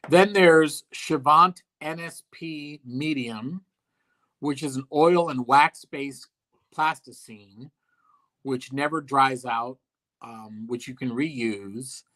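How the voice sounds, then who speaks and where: Male sculptor guest, blunt and deadpan, bright edge to the voice. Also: medium pitch, slow pace. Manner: blunt, dry, profane, offhand. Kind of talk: casual interview talk.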